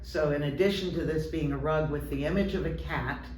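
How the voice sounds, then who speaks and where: A man telling stories and explaining things conversationally in an interview, with hesitant pauses. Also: a little high, a little mellow. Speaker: ghost tour company representative and guide trainer. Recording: roomy, distant mic, faint background noise.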